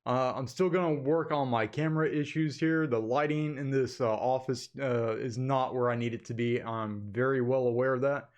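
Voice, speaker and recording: Using a desktop USB condenser microphone in his indoor home office, an online channel host records a casual webcam update, speaking informally and directly to viewers and repeatedly calling them "guys." His voice is medium-pitched with fairly even intonation, at normal speed with few pauses.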